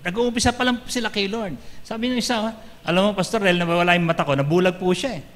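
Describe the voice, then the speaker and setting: A man preaching as a pastor, lively and joking, often calling out to the congregation for an "Amen.". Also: sits high, fast talker, big-room sound, a little hiss or hum. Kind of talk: sermon. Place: church hall.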